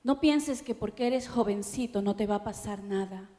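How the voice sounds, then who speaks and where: A middle-aged woman pastor with an Ecuadorian accent, preaching an emotional testimony that swings from hushed to loud. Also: mid-range voice. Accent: Ecuadorian Spanish. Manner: emotional, slow, dramatic shifts from hushed to loud. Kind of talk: sermon testimony. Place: conference auditorium. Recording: long hall reverb.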